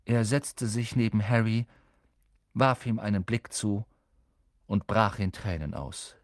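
A man reading an audiobook in expressive, scripted narration on a close mic. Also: on the low side, slow pace, no room sound. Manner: expressive, lively storytelling.

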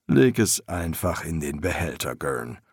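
A deep, slow, weary old master embalmer with dry, patient, deadpan answers, as a male reader plays him. The voice sinks low and drawls along. It sounds flat and unbothered. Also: breathy edge, no echo, heavily acted.

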